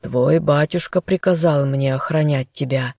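A woman's voice: sits low, unhurried, dark tone, no room sound, studio quality. A woman voicing a smug, scheming young man who coaxes and taunts the girl he captured. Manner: smirking, coaxing.

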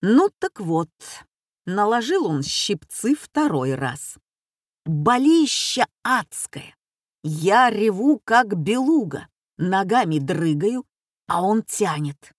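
A woman's voice: medium pitch, very animated, slow, no echo, studio quality. A woman reading aloud, voicing a self-important young man who tells a dentist story in a pompous way. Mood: boastful.

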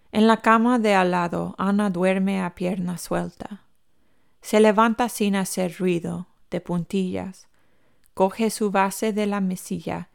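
A woman reading a fan fiction story aloud as a podfic, in an even, unhurried narration. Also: lowish voice, gravelly. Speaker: podfic reader.

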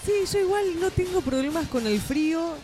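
A man's voice: very high voice, expressive, normal speed, over music. A man co-hosting a casual radio show, easygoing but earnest when making a point, with an Argentine accent. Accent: Argentine Spanish. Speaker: radio co-host.

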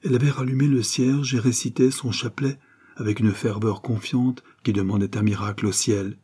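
A man reading an adventure novel aloud as an audiobook, steady storytelling that lifts his voice for the characters' lines. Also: mid-range voice, normal speed, breathy edge. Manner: steady storytelling with lifted voice in dialogue. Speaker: audiobook reader. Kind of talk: audiobook narration.

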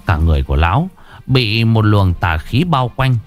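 A man's voice: fairly low pitch, very animated, moderate pace, soft background music. A man narrating a story in a vivid, dramatic way.

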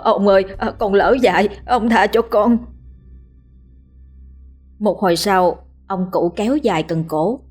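A woman narrating a horror story in a slow, measured storytelling manner. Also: on the low side, slightly rough.

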